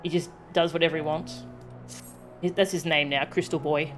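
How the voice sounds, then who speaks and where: With a deep, steady voice at normal speed, a woman streamer chats casually with her audience during a livestream. Video game music fills the background.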